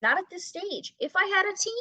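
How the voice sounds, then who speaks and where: On a conversational podcast, a middle-aged woman who runs a brand-building business and teaches speaks with emphasis, frequently asking herself questions and then answering them. Her pitch is extremely high, with lively intonation and a sharp tone, and she talks a little fast.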